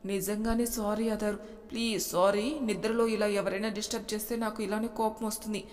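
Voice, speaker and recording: A woman's voice: mid-range voice, flat delivery, fairly quick, darkish tone, close to an everyday voice. Woman reading a fiery, naive young wife, storybook voice, echo of a hall. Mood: anxious. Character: young wife, hot-tempered yet innocent, tearful.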